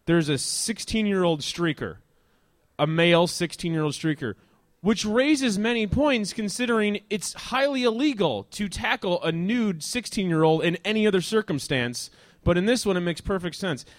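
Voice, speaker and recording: High-voiced joking male talk show host. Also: expressive, moderate pace, no room sound. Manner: rambling, joking asides, sometimes shouting. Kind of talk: live stand-up style monologue to an audience. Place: outdoors at an evening show.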